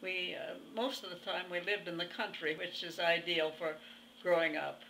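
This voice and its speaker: A woman over a hundred with a very old voice, answering an interviewer in a halting, plainspoken way with pauses mid-phrase. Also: lowish voice, fairly even intonation, a bit bright, a little hiss or hum, poor audio. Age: over 100. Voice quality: very old, aged voice. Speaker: interview guest. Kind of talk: reminiscing in conversation.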